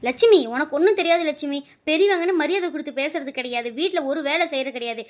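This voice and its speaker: A woman's voice: high-pitched, fast talker, close to an everyday voice. A scolding mother-in-law, as a woman voices her. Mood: indignant. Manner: nagging, indignant complaining. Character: bossy scolding middle-aged mother-in-law.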